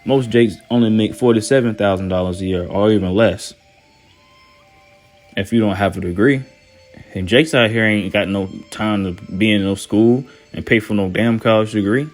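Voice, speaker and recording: With faint music in the background, a man with a lowish voice preaches casually at normal speed, reading scripture as a self-styled preacher. His delivery is repetitive and slangy-scolding, full of stammering restarts, and he keeps ending phrases with "man."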